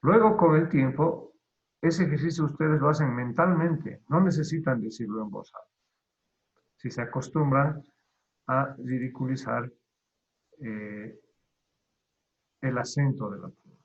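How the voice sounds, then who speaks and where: A male teacher walks his online class through each point at an unhurried pace. His phrases drop away quietly at the ends, and the call audio sounds dull and muffled. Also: mid-range voice. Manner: patient, explains step by step, trails off at phrase ends.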